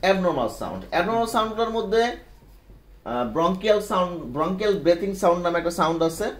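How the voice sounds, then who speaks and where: A man's voice: high voice, animated, quick pace. A man teaching a medical class, often quizzing students and checking they follow. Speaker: medical instructor. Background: students answering.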